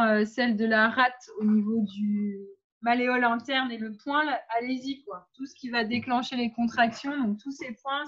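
A woman leading an informal workshop on pregnancy and birth, giving practical advice straight to her listeners with frequent hesitations. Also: fairly high pitch. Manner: practical, instructive, addresses listeners directly with many hesitations. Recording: dull lo-fi sound.

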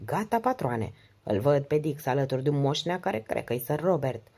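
A woman voicing a loyal, gruff male sidekick in an audiobook, with a hoarse voice. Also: low-pitched, very animated, darkish tone, full character voice.

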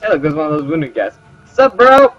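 Over game music in a slightly dull recording, a man with a slightly high voice delivers animated, rapid-fire let's play commentary, sarcastically joking and talking to the characters.

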